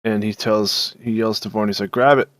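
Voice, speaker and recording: A man with a low voice narrates as dungeon master, pausing often on fillers as he talks through each turn. The sound is close and dry. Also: monotone, no room sound. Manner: halting, many fillers. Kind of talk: narrating a tabletop game.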